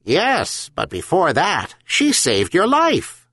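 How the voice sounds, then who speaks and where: A man voicing a wise herring gull that speaks in a measured, admonishing way. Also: high-pitched, wildly swooping pitch, a bit bright, breathy edge, dry recording, studio quality, pitched above the performer's own voice, heavily acted.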